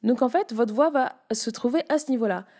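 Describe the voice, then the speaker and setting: Young woman, voice coach, warm mellow tone, casual teaching delivery that demonstrates vocal registers. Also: a little high, a little fast. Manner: demonstrative, shifts between chest, mask and head voice. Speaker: voice and public speaking coach. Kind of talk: casual spoken tutorial.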